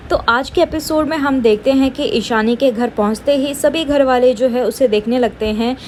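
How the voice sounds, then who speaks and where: Woman, high pitch, chatty YouTuber, casual TV episode recap, talks to viewers as friends. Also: normal speed, a little mellow, slight background noise.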